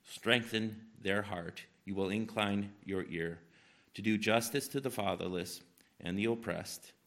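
A man with a lowish voice reads scripture aloud at a pulpit microphone in a church sanctuary. His delivery is measured and emphatic, with weight laid on each line. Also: fairly bright tone. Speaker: worship leader.

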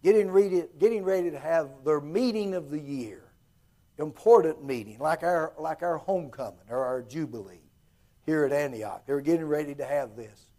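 A man with an Appalachian accent preaching in a folksy storytelling style, halting and circling back to repeat his phrases. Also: fairly high pitch, warm tone. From Appalachia, southwest Virginia.

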